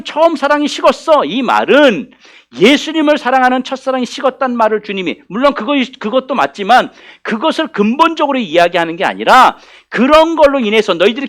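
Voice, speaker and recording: A man's voice: very high-pitched, a bit bright. A male pastor giving a conversational afternoon Bible study sermon in church, often putting questions to the congregation.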